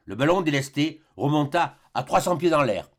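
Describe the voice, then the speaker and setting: A man's voice: a little high, animated. Man narrating an adventure novel. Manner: measured, dramatic storytelling. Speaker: audiobook narrator.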